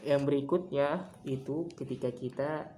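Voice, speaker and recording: A man teaching Quran recitation, chanting verses slowly and then explaining common mistakes in casual speech, contrasting wrong and right pronunciations. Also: mid-range voice, fairly even intonation, warm tone, echoey room, soft background music. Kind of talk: recitation lesson with demonstrations.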